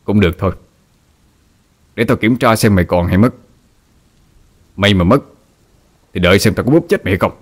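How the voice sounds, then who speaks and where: A spiteful ghost of a husband in a spoken ghost story, voiced by a male narrator, low and harsh, spitting threats and sneering at his wife. His rants come fast and hard. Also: close to an everyday voice. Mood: angry, menacing. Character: cruel jealous ghost husband, man, menacing.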